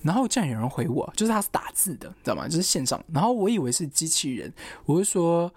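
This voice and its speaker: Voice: mid-range voice, sing-song, fast talker, a little mellow, husky, no echo. A young adult student, casually telling a personal story and stringing thoughts together with fillers. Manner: chatty, quotes others, lots of fillers like "然后" and "anyway".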